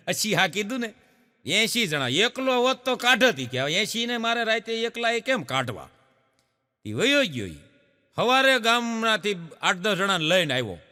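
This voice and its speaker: A man's voice: high voice, a little slow, big-room sound. A man telling folk jokes on stage, acting out the voices of the people in his stories. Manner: lively storyteller, acts out characters' voices. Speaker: stand-up joke teller.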